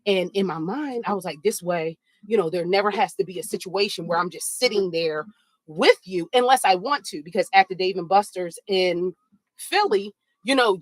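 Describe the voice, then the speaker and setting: A woman telling a funny story in a sassy, animated way, talking to listeners as girl and baby while she walks on a treadmill. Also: medium pitch, no room sound. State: walking on a treadmill. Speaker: podcast host. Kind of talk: casual storytelling while walking. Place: home treadmill, indoors.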